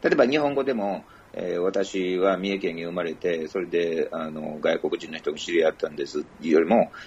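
A man's voice: low-pitched, moderate pace, slightly rough, muffled recording. A man from Kyoto with a Kansai accent, giving casual feedback on a speech and slipping into English now and then. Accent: Kansai Japanese. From Kyoto, Japan. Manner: lively, mixes in English and Kansai dialect. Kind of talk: casual online chat.

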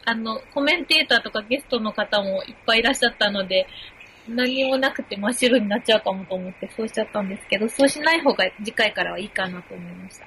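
A woman's voice: a little high, pushed and bright, slight background noise, rough recording. A woman speaking politely in casual chat, reflecting on her own speech. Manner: polite, quick with fillers. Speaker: guest learner.

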